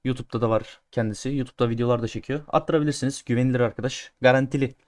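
Speaking very fast with little pitch movement, a male gaming streamer narrates each try for his viewers in an easygoing, talkative way. His voice is an ordinary middle pitch, and he grumbles at mistakes but cheers loudly when he pulls things off.

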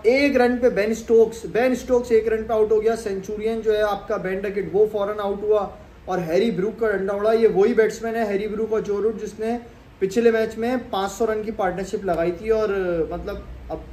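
A man's voice: sits high, mellow. A young man from Pakistan, chatting casually about cricket to camera from a sofa at home, talking with his hands. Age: young adult. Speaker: cricket vlogger. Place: sitting on a sofa in a small room at home. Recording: echoey room with faint background hum.

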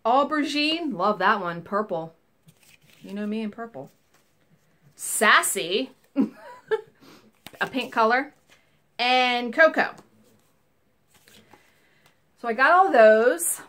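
Recorded by webcam in a little craft room at home, a thirtysomething woman shows off her cross-stitch haul. Her fairly bright, animated voice runs on the high side, moving slowly with long pauses as she chats enthusiastically and drifts into tangents.

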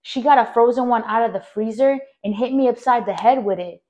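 A young adult woman hosting a podcast, telling a personal story in a rambling, animated way with lots of fillers and direct asides to her listeners. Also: a little high, fairly quick, lo-fi sound. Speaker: podcast host.

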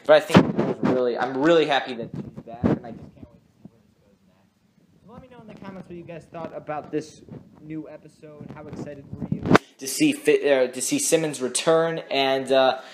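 A man's voice: on the high side, brisk, background noise. Rambling young male TV reviewer. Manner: rambling, restarts often, many fillers. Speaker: host of a TV review channel. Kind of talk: casual episode review.

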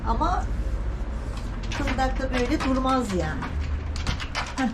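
A woman's voice: sits high, sing-song, slow, very noisy. A woman vlogging with her cats on a balcony, talking to them in doting, cooing baby talk. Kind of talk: casual talk to pets. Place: outdoor balcony.

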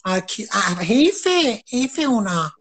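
A woman's voice: medium pitch, sing-song, breathy edge. A woman with a mid-range voice who joins a live stream and taunts the host, teasing and needling him. She talks through a phone mic.

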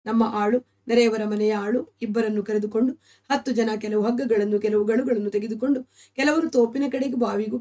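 A woman's voice: mid-range voice, mellow. A woman reading a short story aloud as the storyteller of a live stream. She gives the characters their own voices and raises her voice for the frightened mother.

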